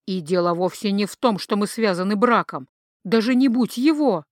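A woman voicing a stern, dangerous male wizard who speaks low, quiet and weighty in a measured, menacing way. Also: dry recording, clean studio sound, close to an everyday voice. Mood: intense.

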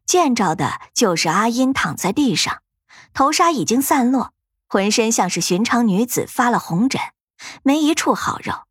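A woman narrating a fantasy ghost story in an expressive, dramatic storytelling manner. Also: a little high, moderate pace, husky, dry recording, studio quality.

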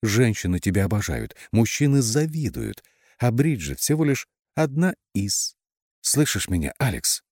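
A man voicing a wry young woman on the phone who speaks softly, like a meditation recording. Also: on the low side, sing-song, unhurried, dry recording, studio quality, pitched above the performer's own voice, exaggerated voice. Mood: soothing.

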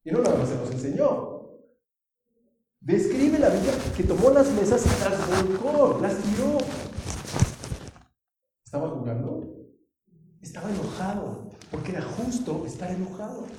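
A man's voice: sits high, unhurried, long pauses, recorded from a distance. Echoey preaching man from afar. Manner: animated preaching with sudden loud emphasis. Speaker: pastor. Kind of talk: sermon. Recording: very echoey hall, heard from afar with clear noise.

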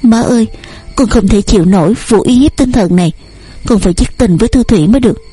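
Woman reading a scared, weepy young daughter in a storybook, pitched a little higher, soft breathy tone. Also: fast. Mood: tearful. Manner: pleading, sobbing.

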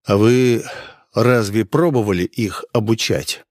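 A stern, grim hunter speaks in a low, controlled voice that stays calm and menacing, as a male audiobook narrator puts him on. The sound is dry and close, with no room around it. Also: unhurried, no room sound, lightly acted. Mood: cold.

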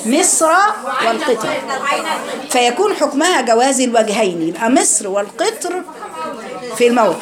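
High-voiced Egyptian woman teaching a class. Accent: Egyptian Arabic. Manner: quizzes students, models recitation slowly. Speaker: Quran recitation teacher. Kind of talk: classroom lesson. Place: classroom full of students. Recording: crowd noise behind.

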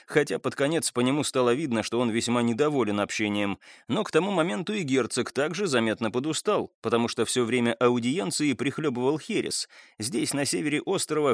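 A man's voice: mid-range voice, dry recording. Man reading an audiobook, dry and close. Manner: dry, wry storytelling with casual asides. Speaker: audiobook narrator. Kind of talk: scripted narration of a historical novel.

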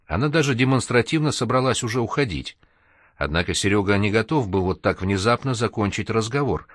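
A man narrating an audiobook in an expressive storytelling manner. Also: lowish voice, dry recording, studio quality. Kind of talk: scripted narration.

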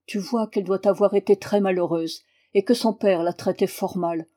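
Brief: soft paternal old man from a read-aloud novel, a woman narrator doing him, mellow tone. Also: mid-range voice, fairly even intonation, moderate pace, lightly acted. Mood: gentle. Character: kindly older male father, gentle.

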